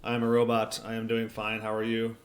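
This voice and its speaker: A man putting on a stiff, monotone robot voice, imitating an automaton making small talk with flat, clipped words. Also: on the low side, a little fast, slight background noise, natural voice. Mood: mechanical. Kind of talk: livestream chat reading.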